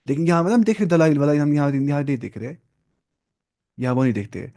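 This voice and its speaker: A man's voice: a little high, big pitch swings, warm tone. A man, giving an informal classroom lecture on religious law, conversational and repeating key terms. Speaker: religious studies teacher.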